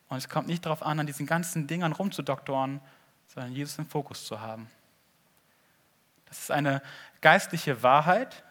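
A man preaching a sermon in an earnest way, swinging between loud appeals and hushed asides. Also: on the high side. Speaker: pastor.

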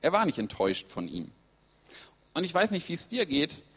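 A man preaching a sermon in a lively storytelling way, acting out the voices of the people he quotes. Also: fairly high pitch, normal speed, slightly rough. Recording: long reverb in a hall.

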